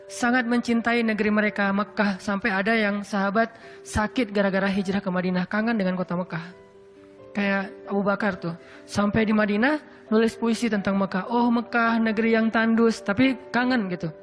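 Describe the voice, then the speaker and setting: A man preaching in a relaxed, conversational sermon style, drawing out quoted Arabic verses slowly. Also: high voice. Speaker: Islamic preacher. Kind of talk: casual sermon. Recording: hall reverb with faint music.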